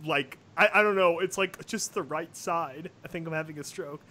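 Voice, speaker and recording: A woman's voice: on the low side, moderate pace, crowd noise. Self-mocking woman reader with casual banter. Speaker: amateur fan fiction reader. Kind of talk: casual comic banter during a read-aloud.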